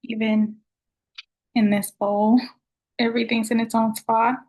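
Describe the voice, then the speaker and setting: A soft-spoken woman chatting casually in a food vlog, talking at a low volume. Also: flat delivery, unhurried, poor audio. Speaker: vlogger.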